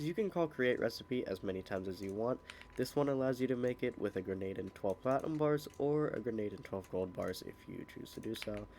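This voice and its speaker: With a voice on the low side and a little hiss or hum in the audio, a young adult explains a coding tutorial step by step, often saying "uh." He hosts modding tutorials, and being recently sick has left his voice a bit off. It's a screen recording.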